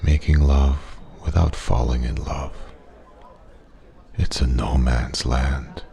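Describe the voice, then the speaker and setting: A man playing a wise, regretful old man at a pub, a soft-spoken old sage giving slow, gentle advice in an ASMR ASMR role-play. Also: rumbling low, fairly even intonation, gravelly, heavily acted. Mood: wistful, regretful. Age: older.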